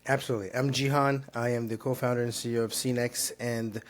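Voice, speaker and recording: A man's voice: medium pitch, level tone, fast talker. A middle-aged man from Turkey, a startup founder, telling his story in an interview with an earnest, rambling manner full of fillers and restarts.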